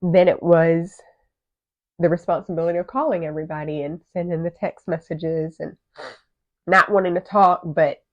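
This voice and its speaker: A woman in her thirties, co-hosting a podcast and telling a personal story in a candid, animated way. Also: on the low side, normal speed. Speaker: podcast co-host. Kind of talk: casual chat. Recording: muffled lo-fi audio.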